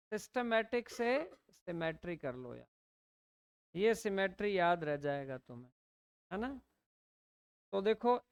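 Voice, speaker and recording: A woman's voice: mid-range voice, smooth, dry recording, clean studio sound. A woman teacher explaining English vocabulary, mixing Hindi and English, spelling out words letter by letter and often checking in with "है ना?". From India. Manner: explains slowly, often asks "है ना?" to check understanding. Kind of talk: classroom lesson in Hindi mixed with English.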